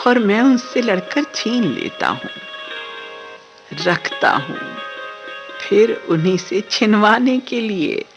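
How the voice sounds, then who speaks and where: A woman voicing a gentle old male fakir. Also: fairly low pitch, creaky, full character voice.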